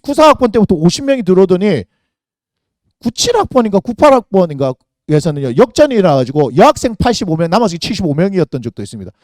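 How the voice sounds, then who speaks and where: Animated male pastor, high lively voice. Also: no room sound, studio quality. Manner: animated, talks to the congregation with rhetorical questions and acted quotes. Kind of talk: lively youth sermon.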